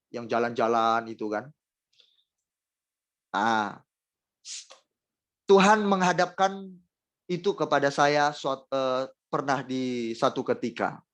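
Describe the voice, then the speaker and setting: A man's voice: mid-range voice, takes it slowly, long pauses. Emotional male preacher giving a sermon. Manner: emotional, swings between loud and soft emphasis; addresses the congregation directly, repeats phrases for emphasis.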